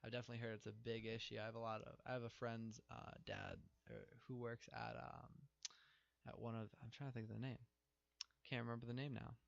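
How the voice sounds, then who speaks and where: A man's voice: medium pitch, level tone, fairly quick, creaky. A man co-hosting a podcast, chatting casually and searching for words as he talks. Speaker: podcast co-host. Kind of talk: casual chat. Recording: dull lo-fi podcast audio.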